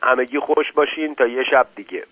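A man voicing an effusive, flattering gambler. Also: mid-range voice, no echo, natural voice. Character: flattering, jokey male gambler. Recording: dull lo-fi dry recording.

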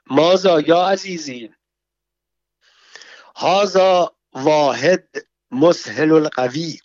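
A man voicing an insistent woman healer who speaks slow, coaxing broken Arabic in a read-aloud story. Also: on the high side, a little mellow, no echo, dull audio, lightly acted.

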